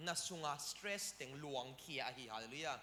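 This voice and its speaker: A male pastor preaching a lively sermon, calling out hallelujah as he speaks. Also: on the high side, normal speed, in a large hall, slight background noise. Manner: animated preaching with frequent hallelujahs.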